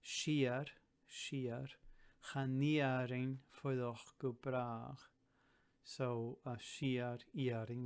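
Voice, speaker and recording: A man teaching a song lesson, thinking aloud and reciting verse lines slowly with careful stress. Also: mid-range voice. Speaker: Gaelic song tutor. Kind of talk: relaxed spoken lesson with slow recitation.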